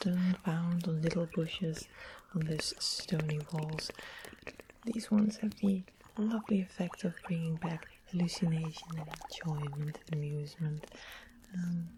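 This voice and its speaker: A woman with a low voice whispers an ASMR fantasy roleplay close to the microphone, playing the sweet-smiling, sly witch of the west who keeps potions. She explains slowly and deliberately, savoring each point, while constant background noise persists.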